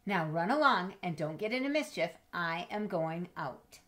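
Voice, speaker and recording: An old mother rabbit from a children's storybook, read by a woman, speaks in a slightly low female voice. She instructs her little ones in a motherly way, firm and cautioning. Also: animated, moderate pace, a bit bright. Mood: firm warning.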